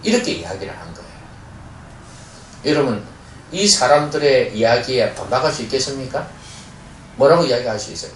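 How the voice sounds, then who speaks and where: An earnest male pastor delivers a sermon, often turning to the congregation with questions. His pitch rises and falls in a lively way. The sound rings around a roomy church, with faint ambience behind it. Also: fairly quick, long pauses, slight background noise. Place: church sanctuary. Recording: echoey church hall, mic far off.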